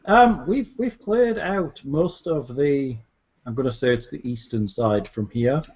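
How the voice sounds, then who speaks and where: A man's voice: medium pitch, lively intonation, unhurried, a little mellow, husky. A man talking casually in character as a player in a tabletop role-playing game. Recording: dull lo-fi audio.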